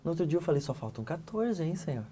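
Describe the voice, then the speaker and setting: Speaking fast in a husky, fairly high voice, a middle-aged man from Santa Catarina, Brazil, tells a personal story as an interview guest. His animated testimony acts out the dialogue and swings between loud and hushed.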